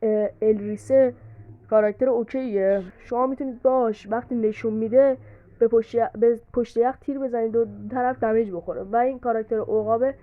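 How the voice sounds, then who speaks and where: A woman's voice: on the high side, fairly even intonation, phone-quality sound. A woman casually narrating a game guide, chatty and explaining things with examples and many fillers. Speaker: gaming YouTuber.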